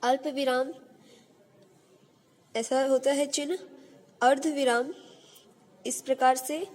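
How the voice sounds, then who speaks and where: A female school teacher giving a grammar lesson, explaining each point slowly and repeating it, often calling out "okay students". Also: sits high, fairly even intonation, darkish tone.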